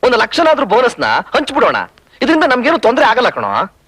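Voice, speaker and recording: A man's voice: extremely high pitch, huge pitch swings, fast, fairly bright tone, breathy edge, no room sound, full character voice. An actor playing an easygoing, cheerful wealthy father who dotes on his daughter, in a film scene. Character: good-natured wealthy father, indulgent toward daughter. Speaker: rich father and business partner. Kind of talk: film dialogue.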